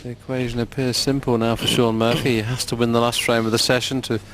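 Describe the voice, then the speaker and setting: A man giving hushed, measured and analytical live snooker commentary. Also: medium pitch, flat delivery, a crowd in the background. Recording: audience and clicking sounds behind. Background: snooker hall audience, clicks.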